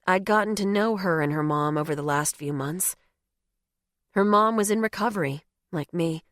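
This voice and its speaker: A woman's voice: lowish voice, normal speed, a bit bright, no echo, studio quality. A woman narrating a novel in the first person, with a wry, conversational telling. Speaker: audiobook narrator.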